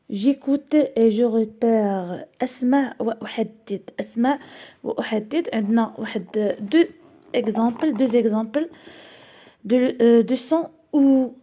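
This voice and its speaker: A woman's voice: on the high side, warm tone. A young woman teacher with a Moroccan accent, reading out a primary school French lesson word by word and explaining in Darija. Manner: slow, careful syllable-by-syllable reading, switching between French and Darija.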